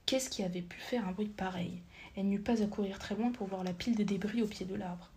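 This whispered audiobook reading features a woman narrating softly and briskly in a medium-pitched voice. She sometimes slips and fixes it, and a little hiss or hum can be heard.

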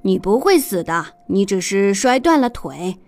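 A gentle doctor speaks in a calm, lowered voice, played by a woman reading aloud. Each line is soothing and patient. It suits a warm children's storybook. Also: measured pace, faint music behind. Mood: reassuring. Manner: gentle, reassuring. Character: kind, calm village doctor.

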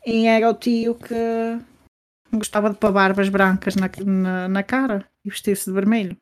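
A woman's voice: mid-range voice, level tone, normal speed. A woman with a European Portuguese accent, co-hosting a podcast and telling stories in casual chat. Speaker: podcast co-host.

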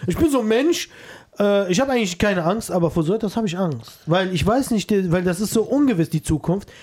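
High-voiced man telling a story fast. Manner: excitable storyteller, stumbles and repeats words. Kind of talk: casual podcast chat.

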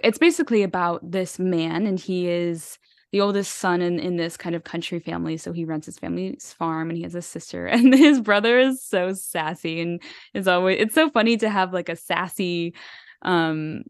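A woman with a slightly low voice, talking with eager enthusiasm and rambling on with fillers and small laughs. Her sound is close and dry, with no room around it. It is relaxed podcast chat. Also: normal speed, no room sound. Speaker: podcast co-host. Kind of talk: casual book chat.

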